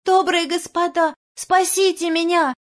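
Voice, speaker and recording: A woman's voice: sits high, a little slow, voice pushed up. A woman voicing a frightened poor orphan boy who pleads with trembling fear. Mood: screaming for help.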